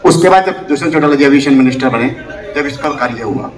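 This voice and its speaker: Fast-talking combative man in a debate. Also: medium pitch, distant mic. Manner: mocking, combative. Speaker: party spokesman in a debate. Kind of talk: heated political debate. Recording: echoey hall, off-mic, crowd audible.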